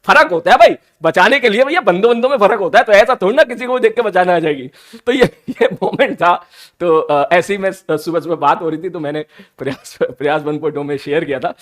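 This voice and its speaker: A male teacher, telling his students a story in an animated, teasing way and slipping English phrases into his talk. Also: high-pitched, brisk.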